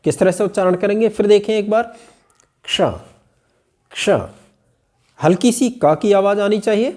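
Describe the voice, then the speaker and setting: A man teaching a pronunciation lesson, repeating example words slowly and with stress. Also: high voice, fairly even intonation, dark tone. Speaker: Hindi teacher.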